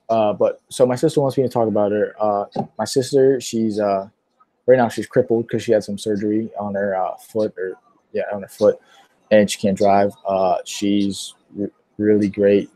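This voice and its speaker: A young adult man from Pittsburgh, Pennsylvania, answers viewer questions in a casual livestream chat, rambling with many fillers and a sore throat. His voice is on the low side with a dark tone, and the recording has no echo.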